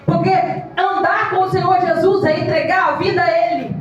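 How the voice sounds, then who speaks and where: High-voiced woman pastor preaching. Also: fairly even intonation, moderate pace, muffled recording, faint music behind. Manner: impassioned, mimics congregants in quoted voices. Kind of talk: evangelical sermon. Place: church hall. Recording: echoey church hall from far off.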